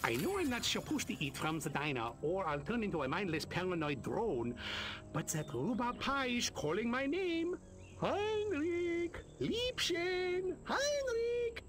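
An actor playing a scheming German food scientist in a video game, speaking with a thick German accent and a gloating, theatrical manner. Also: male voice, extremely high pitch, sing-song, measured pace, over music, heavily acted. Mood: greedy. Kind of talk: video game cutscene acting.

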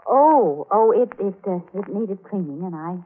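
A woman's voice: medium pitch, expressive, normal speed, breathy edge. A nervous young woman hiding something terrible, her words tripping and stalling as she answers. The sound is a tinny 1940s AM radio broadcast, squeezed and narrow like a phone line. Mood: flustered. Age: young adult. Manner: stammering, flustered. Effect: old AM radio broadcast sound. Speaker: radio drama actress.

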